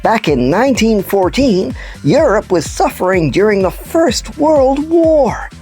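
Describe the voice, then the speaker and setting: A woman's voice: on the high side, very animated, a little slow, mellow, faint music behind. A woman presenting a children's show, telling scripted stories expressively in the manner of a puppet show host.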